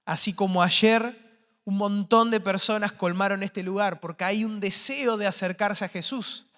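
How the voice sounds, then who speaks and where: Male pastor, high voice, impassioned sermon, long church reverb. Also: a little slow. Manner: impassioned, rising to shouts then dropping to quiet. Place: church sanctuary.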